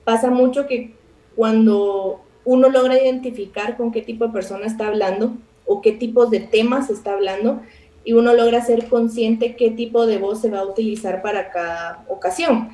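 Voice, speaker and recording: Mellow Guatemalan woman, distant and roomy. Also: on the high side, fairly even intonation, normal speed. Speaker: psychologist guest. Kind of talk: explanatory radio interview talk.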